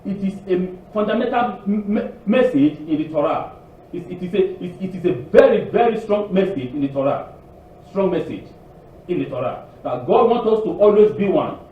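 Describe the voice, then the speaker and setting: A man's voice: sits high, animated, normal speed, a little hiss or hum. A man preaching a sermon to a congregation, emphatic and repetitive, often restarting his words. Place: congregation hall. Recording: echoey hall from far off, dull.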